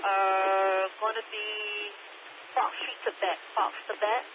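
A man's voice: high-pitched, level tone, slow pace. Man dispatching over hissy police radio. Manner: clipped, uses radio codes. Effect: police scanner radio. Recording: hissy tinny radio transmission.

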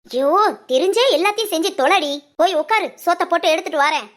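A woman voicing a bossy, sharp-tongued village mother-in-law in a cartoon, scolding with curt retorts. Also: very high-pitched, animated, fast. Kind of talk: cartoon voice acting.

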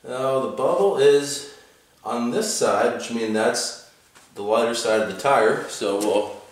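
A man with a mid-range voice speaks slowly while casually demonstrating a tool in his home garage, filming on a handheld camera. He's laid-back and rambling, with fillers and self-corrections, and the concrete-floored garage sounds echoey with faint background noise.

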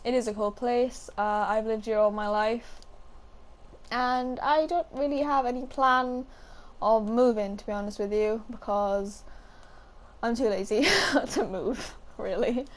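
A woman's voice: on the high side, takes it slowly, long pauses. A fourteen-year-old girl with a Welsh accent chatting casually in a vlog, giggling often and saying "like" a lot. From Wales. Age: teens. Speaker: gaming YouTuber. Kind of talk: casual vlog chat over gameplay.

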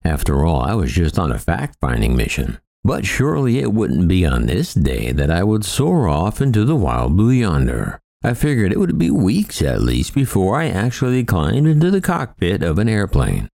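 A man's voice: wildly swooping pitch, moderate pace, gravelly, few pauses, darkish tone, no room sound, studio quality. A middle-aged man narrating a wry, vivid first-person story of his first flying lesson. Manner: wry, vivid storytelling with big swings in pitch.

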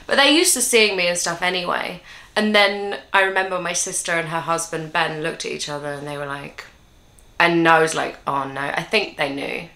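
A woman in her twenties chats casually to camera, answering viewers' questions in a rambling, self-mocking way. Her voice is low, gravelly, bright and forceful at a normal pace, with a roomy echo in the recording.

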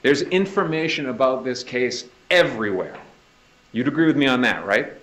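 A man's voice: medium pitch, lively intonation, normal speed, fairly bright tone, poor audio. A man with a Boston accent cross-examining a witness in a courtroom, pressing her with leading questions that end in "right?". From Northeastern US. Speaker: prosecutor.

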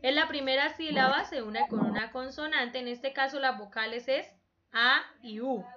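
A woman's voice: high voice, moderate pace, lo-fi sound, noisy background. A woman teaching a children's class, patiently explaining examples and prompting the pupils with questions. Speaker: primary school teacher.

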